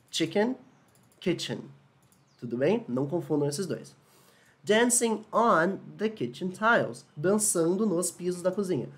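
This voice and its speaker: A man with a Brazilian Portuguese accent giving a casual video English lesson, upbeat, often asking viewers if they agree and slowing down for English examples. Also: on the high side. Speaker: English teacher.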